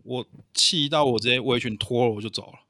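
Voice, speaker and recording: A man's voice: mid-range voice, a little fast, dry recording. A man chatting on a podcast, animatedly telling a story about a coworker. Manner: animated storyteller who swears when angry. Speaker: podcast co-host. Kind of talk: casual chat, storytelling.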